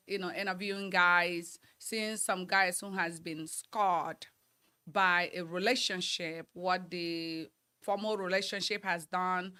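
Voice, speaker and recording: A woman's voice: mid-range voice, bright, forceful tone, smooth. A woman, giving earnest, upbeat interview answers as a guest. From Nigeria. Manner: earnest, upbeat, talks in long runs. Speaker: guest, model trainer and banker.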